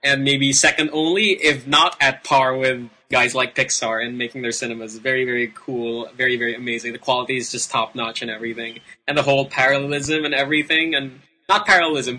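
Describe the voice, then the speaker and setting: A man's voice: medium pitch, bright, forceful tone, low-quality recording. A man with a Filipino accent hosting a video game show, talking in a casual, rambling, emphatic way. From Philippines. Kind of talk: casual, unscripted game commentary.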